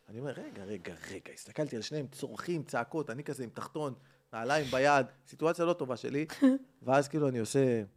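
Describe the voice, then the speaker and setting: A man, a comedian, telling a comic story in casual chat and acting out the people in it. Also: medium pitch. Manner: animated, acts out the people in his story. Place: rooftop.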